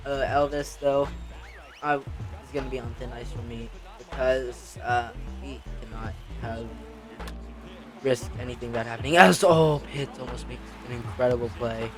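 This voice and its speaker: Excitable man doing game commentary. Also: mid-range voice, normal speed. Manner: excitable, talks back at the game and pleads with players. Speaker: video game player and streamer. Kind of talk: let's-play game commentary. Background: background music.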